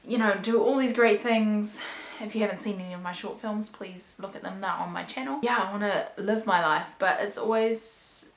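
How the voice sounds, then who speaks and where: A woman's voice: mid-range voice, normal speed, reverberant. A young woman in her twenties with a New Zealand accent, talking candidly and rambling to her camera at home in a casual vlog. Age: 20s. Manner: rambling, candid, self-deprecating. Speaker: vlogger. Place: bedroom at home.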